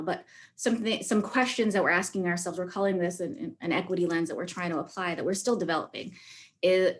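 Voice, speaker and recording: A woman panelist speaking on a video call, thinking aloud in halting phrases full of fillers. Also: mid-range voice.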